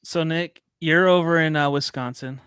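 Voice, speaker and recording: A man's voice: on the high side, normal speed, clear, resonant tone, dry recording. A man in his thirties from Chicago, chatting and telling stories as a guest on a podcast. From Chicago, USA. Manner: chatty, storytelling, relaxed slang. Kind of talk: casual podcast conversation.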